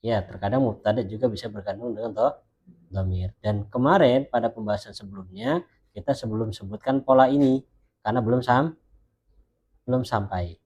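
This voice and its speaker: A man teaching Arabic grammar in an online class, who explains patiently and says example phrases slowly and carefully. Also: medium pitch, lively intonation, darkish tone, slightly rough, lo-fi sound.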